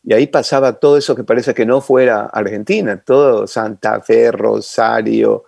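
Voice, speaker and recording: An older man, telling long animated stories as an interview guest. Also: lowish voice, normal speed, creaky, dry recording. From Ecuador. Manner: animated, rambling reminiscence with sound effects. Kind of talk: casual storytelling interview.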